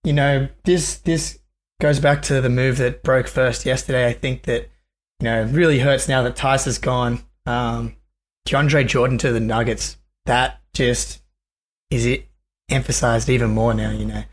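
A man's voice: mid-range voice, fairly even intonation, unhurried. A man, the new co-host on a sports podcast, talking in a rambling way with lots of ums. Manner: rambling, apologetic, frequent ums. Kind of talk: casual sports podcast chat.

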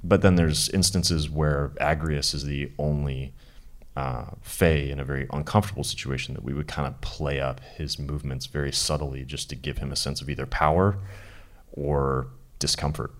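A man on a panel answering audience questions about his sound mixing work, in a relaxed, technical way with frequent ums. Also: very deep voice, normal speed. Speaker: re-recording mixer on a panel.

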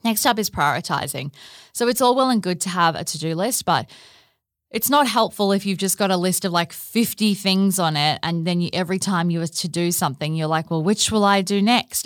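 A woman with an Australian accent talks as the host of a casual solo podcast. Her voice sits a little low, and the recording is very dry with no room sound. She is chatty and informal, with the odd mild swear word. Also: dry recording.

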